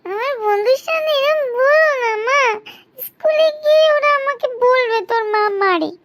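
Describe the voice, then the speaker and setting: A woman's voice: very high-pitched, lively intonation, normal speed, a bit bright. A woman voicing a naughty little boy in a cartoon who whines and pleads because he is scared of his mother. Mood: pleading. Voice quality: whiny, pleading. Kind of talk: cartoon dubbing.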